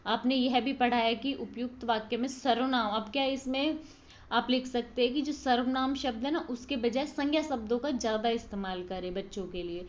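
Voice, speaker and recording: A woman's voice: fairly high pitch, normal speed, lo-fi sound. A woman tutor giving an informal exam-prep lesson, talking conversationally and checking in with her listeners. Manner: conversational, checks in with listeners, acts out baby talk as examples.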